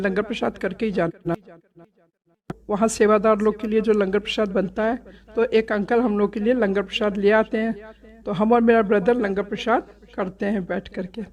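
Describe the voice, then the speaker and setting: A middle-aged woman telling a devotional story from a satsang visit, animated and laughing, acting out many quoted exchanges. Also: on the high side. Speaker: devotee sharing a satsang experience. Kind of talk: storytelling testimony.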